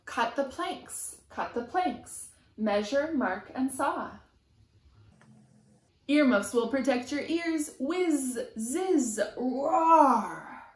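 With a high-pitched, animated voice and drawn-out words, this preschool teacher in her thirties reads expressively to young children. She's rhythmic and sing-song, emphasizing the sound words. A camera a few feet away in a small indoor room at home records her with a roomy echo.

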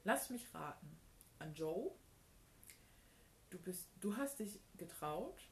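A woman voicing a curious, cheeky male fox in a children's story, slow and a bit gravelly. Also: fairly low pitch, expressive, reverberant, a little hiss or hum. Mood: teasing. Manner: teasing, then reassuring.

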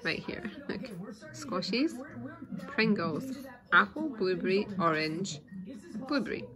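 A mother in her forties vlogs her family on a handheld phone camera, giving playful, casual running commentary first on a beach and then in a car. Her mid-range voice is slow and sing-song, and the recording has crowd noise plus heavy wind and outdoor background sound.

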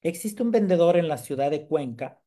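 A man with a slightly high voice, speaking at normal speed, leads a live sales training demonstration. He keeps it lively, joking with his audience and quizzing them.

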